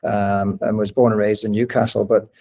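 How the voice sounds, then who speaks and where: Middle-aged man, mild northeast English accent, flat even delivery, rambling guest on a podcast interview. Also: fairly low pitch, normal speed. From northeast England. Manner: rambling, many restarts and fillers. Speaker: college soccer coach, guest. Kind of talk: casual interview conversation.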